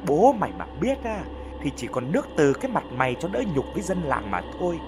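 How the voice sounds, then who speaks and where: A man voicing a stern mother who berates her grown son in a sharp, cutting way. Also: fairly low pitch, big pitch swings, measured pace, over music. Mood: scolding.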